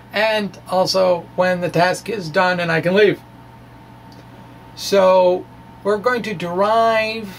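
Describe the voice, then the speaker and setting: A man in his forties with a high-sitting voice and some vocal fry gives a physics lecture, switching between reading from a script and explaining informally in a playful, wry, dramatic way. He speaks into a close microphone on a stand in a small room with bookshelves. There's faint, steady background noise.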